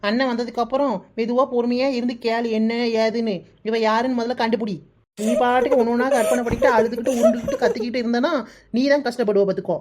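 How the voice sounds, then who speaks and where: A woman's voice: fairly high pitch, noisy background, lightly acted. A woman voicing a feisty young village neighbor. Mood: urging. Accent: Kanyakumari Tamil. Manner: brisk, emphatic and protective. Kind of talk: cartoon voice acting.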